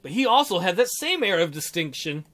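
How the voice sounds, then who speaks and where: A little fast and a bit bright, a man's high, sing-song voice reads out a visual novel during a let's play. He keeps up theatrical, jokey commentary, breaking into silly mock voices, while game music runs underneath.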